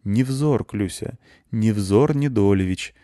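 A patient, formal director, as a male narrator voices him, speaking in measured, courteous sentences. The voice is low and dry, set close with no reverb. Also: lively intonation, mellow, lightly acted. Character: calm, polite, morally compromised school director.

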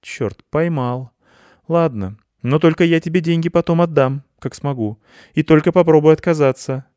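A man reads the part of an intense, clingy eighteen-year-old girl, her voice lifted high and tight with nervous urgency as she pleads and insists. The recording is dry and close, with no room sound. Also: measured pace, a little mellow, dry recording, lightly acted. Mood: grudging, teasing.

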